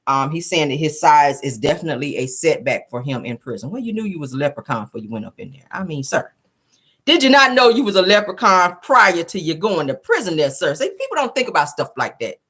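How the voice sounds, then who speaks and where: A woman with a deep, breathy-edged voice hosts an online gossip show about celebrities, speaking fairly quickly. Sassy and colloquial, she drives points home by repeating phrases and throws in lively asides.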